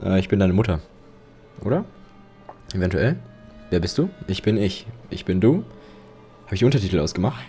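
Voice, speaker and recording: A man's voice: low-pitched, big pitch swings, moderate pace, long pauses, warm tone, faint music behind. A young man commentating a horror game, jittery and rambling, joking and yelping when startled. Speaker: let's play commentator.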